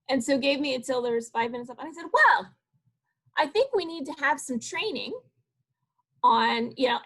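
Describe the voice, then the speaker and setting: A woman professor candidly telling a personal story, animated and laughing between phrases. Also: high voice, low-quality recording. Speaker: guest speaker, professor. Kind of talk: casual storytelling.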